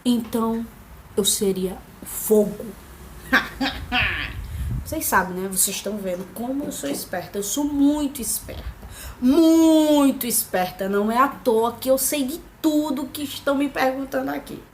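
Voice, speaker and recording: A woman's voice: on the high side, normal speed. A woman answering tag questions in a casual vlog, playful and jokey, making little sound effects. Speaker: vlogger. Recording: echoey room with faint background noise.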